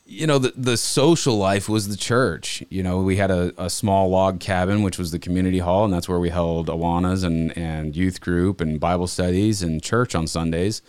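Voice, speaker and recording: A man from Montana, a podcast guest telling relaxed, rambling stories from his childhood in casual chat. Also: low voice, normal speed, hardly any pauses, clean tone, dry recording. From Montana, USA.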